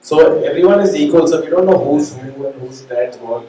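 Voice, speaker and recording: A man's voice: on the high side, moderate pace, warm tone. A man in his thirties with an Indian accent, answering interview questions as an author in a very polite, deferential manner. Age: 30s. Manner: deferential, says "sir" constantly. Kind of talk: live conversation on stage. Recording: echoey room, distant mic, faint noise.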